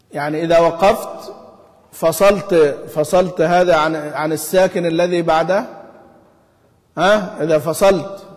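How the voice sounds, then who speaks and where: Sheikh with a high voice explaining recitation rules, tinged speech, drags out example words, long hall echo. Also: male voice. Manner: stretches out example words slowly, quizzes the class. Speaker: Quran recitation teacher. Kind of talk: explaining a classical text to students. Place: mosque study hall.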